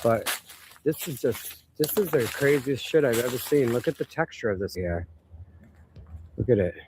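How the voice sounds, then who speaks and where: A man out of breath, excitedly narrating as he walks outdoors by a river canal, filming on a handheld camera. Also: medium pitch, moderate pace. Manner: excited, amazed commentary. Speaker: vlogger exploring ruins. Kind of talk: outdoor walking vlog. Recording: noisy outdoor ambience.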